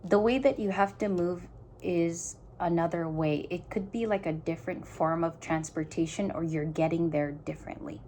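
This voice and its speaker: A woman's voice: fairly low pitch, normal speed, warm tone, a little hiss or hum. A woman giving a casual tarot reading to her viewers, thinking aloud in stop-start phrases and talking earnestly straight to the listener. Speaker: tarot reader.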